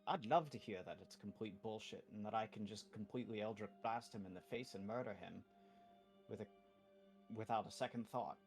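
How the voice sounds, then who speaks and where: A man improvising in character in a tabletop role-playing game, speaking in a halting, deliberate way and swearing casually. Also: lowish voice, faint music behind.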